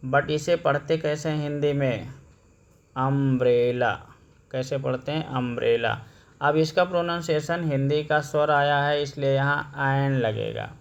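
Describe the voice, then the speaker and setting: Male teacher, unhurried delivery, repeats himself, quizzes students, muffled lo-fi sound. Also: mid-range voice, creaky. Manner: slow, repetitive, asks the class questions. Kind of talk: classroom lesson explaining English grammar.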